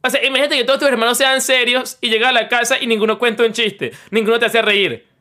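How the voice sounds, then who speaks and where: A man's voice: extremely high pitch, steady tone, fast, sharp tone. A young man streaming, chatting casually in a rambling way, playfully boastful and mock self-pitying.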